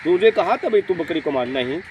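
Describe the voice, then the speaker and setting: A man's voice: a little high, lively intonation, brisk, dull audio, close to an everyday voice. A man voicing a sly mock-innocent devil. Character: sly scheming male devil, tempter. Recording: distant mic, faint outdoor noise.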